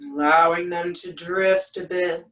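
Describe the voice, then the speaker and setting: A meditation guide speaking in a soothing yoga-teacher manner, leaving long pauses between short, gentle phrases. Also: medium pitch, steady tone. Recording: echoey room, distant from mic.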